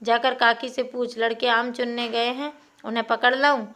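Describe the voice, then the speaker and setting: A woman's voice: a little high, little pitch movement, normal speed, a bit bright, natural voice. A woman voicing a young village man who is hurt and sulky, speaking in curt, bitter replies.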